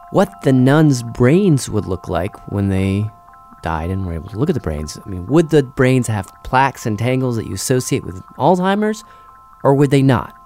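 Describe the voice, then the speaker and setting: A man co-hosting a podcast, explaining research in a casual, animated way. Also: mid-range voice. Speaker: podcast co-host.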